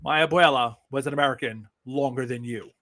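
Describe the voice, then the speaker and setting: This Brooklyn-born political streamer talks in a mid-range voice, a little fast with a sharp tone and a New York accent. In casual live-stream chat he's blunt, sarcastic, swears freely and laughs often.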